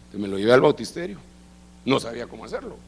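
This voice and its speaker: A middle-aged man preaching, telling a testimony with lively acted-out dialogue. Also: mid-range voice, rapid-fire, gravelly, slightly rough. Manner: animated storytelling, acting out quoted dialogue. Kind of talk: sermon testimony. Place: church service.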